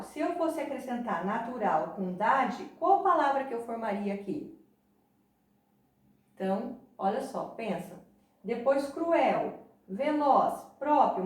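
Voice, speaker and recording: A woman teacher going through workbook exercises for her students in a patient way, often pausing to check in with them. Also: mid-range voice, darkish tone, far from the mic. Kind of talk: recorded remote lesson explaining exercises. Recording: very echoey room, voice from off the mic.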